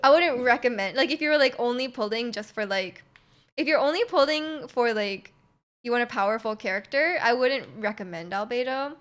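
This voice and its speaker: On a close streaming mic, a woman plays a game live and chats with viewers, giggling, hesitating, and circling back over the same points. Her voice leans high and a bit bright, at a normal speed.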